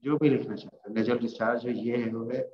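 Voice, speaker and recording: A man's voice: medium pitch, fairly even intonation, quick pace. A man with a Bihari Hindi accent giving an informal veterinary pathology lecture, reassuring and repeating key terms. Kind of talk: classroom lecture. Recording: roomy, dull, faintly noisy lecture recording.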